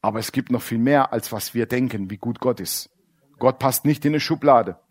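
A man preaching a sermon in a blunt, animated way, acting out quoted characters and dropping to quiet asides. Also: medium pitch, moderate pace, breathy edge.

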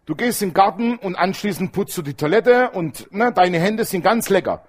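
Male preacher, husky, high and very lively pitch, emphatic sermon delivery. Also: moderate pace. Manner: animated preaching, swings between loud emphatic lines and low hushed asides.

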